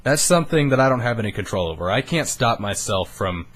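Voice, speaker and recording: This eighteen-year-old YouTuber records a candid personal vlog on a studio mic, talking earnestly, rambling a little and swearing casually. His medium-pitched voice is expressive, fast and a bit bright, and he sounds emotionally raw.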